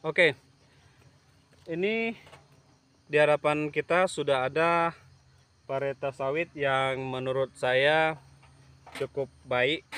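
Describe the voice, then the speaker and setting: A man talking casually to camera in a vlog outdoors at a plantation, slow and halting with many fillers. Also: medium pitch, a bit bright, smooth. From Indonesia. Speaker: YouTube channel owner. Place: outdoors at an oil palm plantation. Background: insects and rural outdoor ambience.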